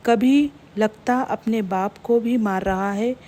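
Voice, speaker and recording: A woman tells a story at a slow, measured pace. Her voice sits a little high and stays plain and steady throughout. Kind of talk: scripted story narration.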